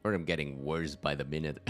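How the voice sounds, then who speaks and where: A deep-voiced German man streams himself gaming, rambling, chuckling, and talking to himself as he plays. It's casual let's-play commentary in which he reads his chat.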